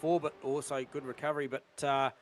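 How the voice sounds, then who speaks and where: A man's voice: mid-range voice, a little hiss or hum. Man calling sim race laps. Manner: rapid lap-time calls, rising excitement at overtakes. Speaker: sim racing commentator. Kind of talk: live race commentary.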